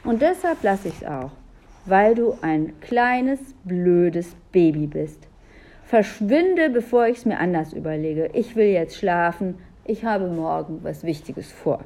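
A woman's voice: medium pitch, very animated, measured pace, few pauses, darkish tone, breathy edge. A woman voicing an angry, bossy older sister, a young girl, in a storybook reading.

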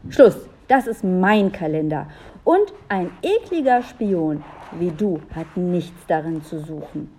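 A woman's voice: mid-range voice, big pitch swings, measured pace, hardly any pauses, a little mellow, slight background noise. A woman voicing an angry, bossy older sister, a young girl, in a storybook reading.

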